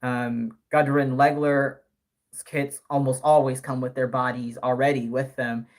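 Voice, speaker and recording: A man's voice: mid-range voice, little pitch movement, a little slow. A man in his early twenties chatting casually on a live stream, rambling with many fillers and self-corrections. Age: early 20s. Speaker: live streamer and doll artist.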